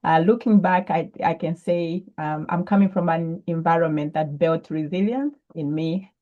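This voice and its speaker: A woman's voice: fairly low pitch, normal speed, narrow, tinny audio. A woman from Zambia, a guest entrepreneur, answering interview questions thoughtfully with frequent ums and restarts.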